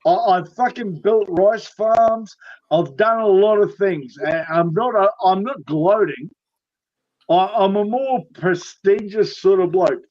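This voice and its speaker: Man, 30s, heated panelist, sweary and repetitive; high, muffled, dry. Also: unhurried, a little mellow, no echo. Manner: swearing, blunt, repeats himself. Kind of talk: heated casual chat.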